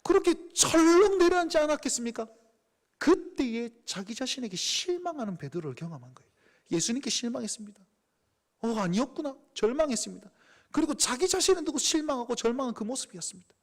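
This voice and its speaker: A male pastor with a Gyeongsang accent preaching a sermon in an animated storytelling manner. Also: extremely high pitch, quick pace. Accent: Gyeongsang Korean. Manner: animated storytelling with acted quotes.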